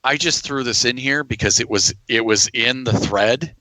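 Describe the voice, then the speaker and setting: A man's voice: medium pitch, moderate pace, sharp tone, no echo, low-quality recording. A man hosting a podcast, talking in a casual, conversational way. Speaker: podcast host. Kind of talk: casual chat.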